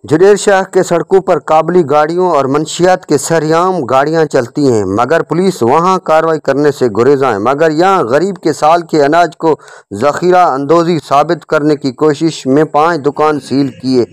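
A man's voice: a little high, no room sound. A male field reporter from Pakistan reading a formal news voice-over. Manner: formal, measured Urdu news delivery.

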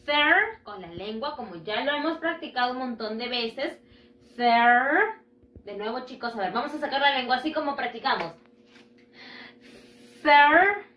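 A woman teaching English numbers to young children. She says each word slowly, repeats it and praises the class often. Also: a little high, expressive, a bit bright. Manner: slow, drawn-out modelling of English words. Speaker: primary school English teacher. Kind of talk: recorded online lesson for children. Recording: roomy echo.

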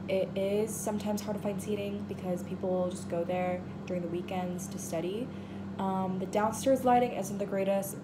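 A young woman chats casually to a camera in her bedroom, recommending places with plenty of "like" fillers. Her voice sits a bit low for a woman. A strong steady hiss runs under the whole recording. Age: young adult. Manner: chatty, frequent "like" fillers. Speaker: vlogger. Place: bedroom, indoors.

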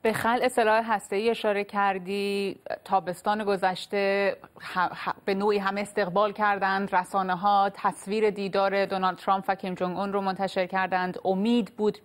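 A woman in her thirties with an Iranian Persian accent, presenting the news and interviewing in a measured, formal newsreader manner. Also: medium pitch, little pitch movement. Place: large TV news studio, indoors.

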